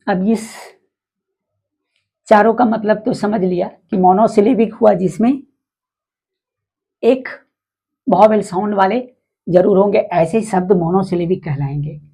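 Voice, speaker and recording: Husky, darker-toned woman teaching. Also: mid-range voice, unhurried, long pauses, warm tone. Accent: Hindi. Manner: repeats terms and asks the class rhetorical questions. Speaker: English teacher. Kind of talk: explanatory video lesson.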